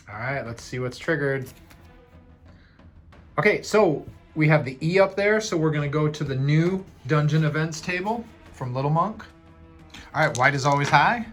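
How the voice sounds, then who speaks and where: Guy running a solo dungeon crawl, mid-pitch, talks himself through the rules, soft music behind. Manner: thinks aloud, unsure of the rules; counts moves and dice aloud. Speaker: game master. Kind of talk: casual narration of a solo tabletop game.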